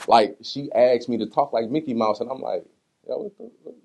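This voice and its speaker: A man with a medium-pitched voice speaks fairly quickly as an interview guest, answering personal questions in a casual, candid way. His speech is slangy and conversational, and he animatedly acts out what people said while retelling his stories.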